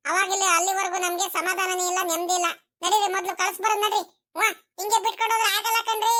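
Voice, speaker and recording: A woman's voice: very high voice, little pitch movement, very fast, sharp tone. A woman voicing a nagging village mother. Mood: urging. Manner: nagging, insistent. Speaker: mother in a family cartoon. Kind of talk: village comedy cartoon acting.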